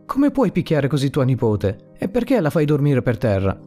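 A man's voice: a little high, wildly swooping pitch, normal speed, warm tone, soft background music, pitched above the performer's own voice. A man voicing a grieving, indignant wealthy young man who speaks insistently.

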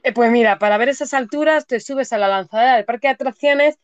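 Woman telling animated stories. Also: a little high, quick pace, no room sound, highs cut off. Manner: animated storyteller, acts out her own fear. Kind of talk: casual chat.

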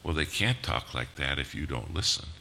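A man in later life preaching a sermon in a church, swinging from loud bursts to hushed drops. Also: rumbling low, animated, normal speed, creaky. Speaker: pastor. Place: church sanctuary. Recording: reverberant hall with faint noise.

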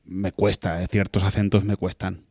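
A man's voice: deep voice, little pitch movement, normal speed, darkish tone, slightly rough, no room sound, clean studio sound. A man from in casual podcast chat, asking questions and telling stories. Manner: questioning, storytelling. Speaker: podcast co-host.

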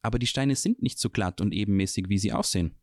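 A man's voice: lowish voice, fast, no echo, clean studio sound, close to an everyday voice. A man voicing a young male apprentice mage, anxious and puzzled, in a raised and searching tone for a fantasy audiobook.

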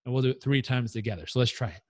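Man, podcast guest coach, motivational and energetic, dry close sound, mid-pitched. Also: rapid-fire, no echo. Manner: energetic, motivational, leads breathing exercise aloud. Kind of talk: podcast interview.

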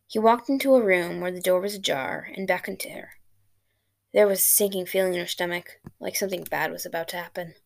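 A woman reading her own short story aloud at a steady pace on her podcast. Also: fairly low pitch, brisk, vocal fry. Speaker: podcast host and author. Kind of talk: storytelling narration.

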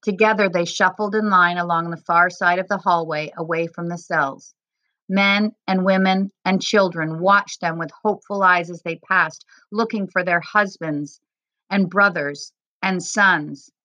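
A woman teacher reading a novel chapter aloud to her class in a steady, expressive voice. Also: on the low side, unhurried, dry recording, muffled recording.

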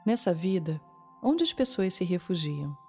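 Soothing, mellow Brazilian woman guiding meditation. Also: on the low side. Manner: calm, soothing, with long pauses between short phrases. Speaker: guided meditation instructor. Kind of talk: guided meditation narration. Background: soft music.

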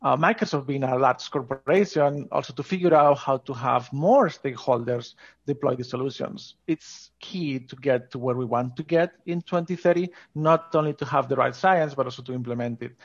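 Here a man with a Spanish accent, originally from Asturias, chats informally and with enthusiasm as an interview guest on a podcast, where he's featured as a scientist. His pitch is medium, his pace moderate, and the audio sounds dull.

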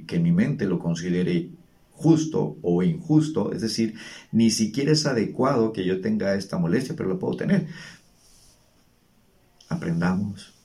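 Earnest man, a fatherly advice giver, low and warm. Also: gravelly. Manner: earnest, teacherly, rhetorical questions. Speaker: father giving emotional advice. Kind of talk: reflective monologue.

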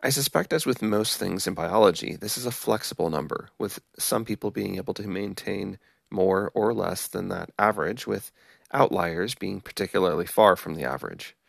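A man hosting a podcast episode, reading a prepared script on samurai ideals in a measured, explanatory way. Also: low voice, gravelly, no room sound, studio quality. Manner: measured, explanatory, apologetic about pronunciation. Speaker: podcast host. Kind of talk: scripted narration.

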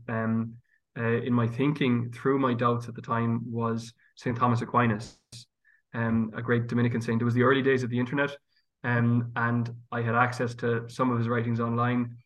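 A man's voice: medium pitch, poor audio. Irishman with a west of Ireland accent. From County Galway, west of Ireland. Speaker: priest and guest. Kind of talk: conversational interview answer.

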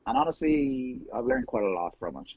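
A man's voice: mid-range voice, expressive, brisk, breathy edge, narrow, tinny audio. A young Irish man in his twenties, a nurse guest, chatting casually on a podcast in a rambling way. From Ireland.

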